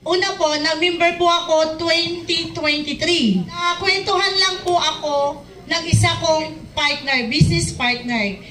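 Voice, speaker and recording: A woman's voice: very high voice, unhurried, over music. A middle-aged woman giving a personal testimony, retelling events and acting out the dialogue. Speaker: product user giving a testimony. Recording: echoey room, far from mic, faint noise.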